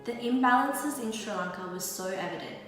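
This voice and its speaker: A young woman from Australia giving a scripted voice-over in an even, earnest read. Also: fairly high pitch, a little fast. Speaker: founder's daughter. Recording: long hall reverb with music.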